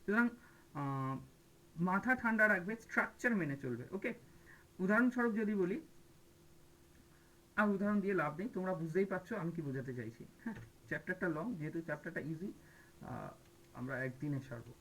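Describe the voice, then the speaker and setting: A man's voice: high voice, lively intonation, normal speed, pauses often, fairly bright tone, poor audio. A man teaching an English grammar lesson for competitive exams, posing questions to students and answering them himself while mixing in English terms. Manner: mixes English terms into explanations, asks and answers his own questions. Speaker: exam-prep English teacher. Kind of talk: classroom grammar lecture.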